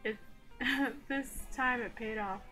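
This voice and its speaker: A woman streaming a game reads it aloud in a fairly high, bright voice. She takes her time, slips in casual asides and giggles often, with soft music behind her. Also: slow pace, low-quality recording. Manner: giggly, often laughing while reading.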